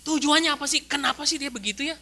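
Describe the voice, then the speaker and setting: High, bright-voiced male preacher. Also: quick pace. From Indonesia. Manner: lively, conversational preaching with rhetorical questions. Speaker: pastor. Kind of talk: sermon. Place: church.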